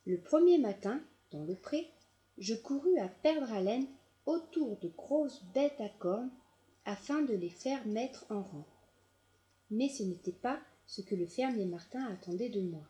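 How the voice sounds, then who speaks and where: A woman reading a children's audiobook aloud in a gentle, measured storytelling manner. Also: a little high, lively intonation. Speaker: storybook narrator.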